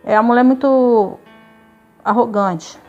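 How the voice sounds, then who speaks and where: A woman's voice: a little high, unhurried, mellow, highs cut off, faint music behind. A woman giving a religious testimony, telling her story with feeling and acting out the other people's words. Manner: emotional storytelling, retelling dialogue with quoted voices. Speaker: church member giving testimony.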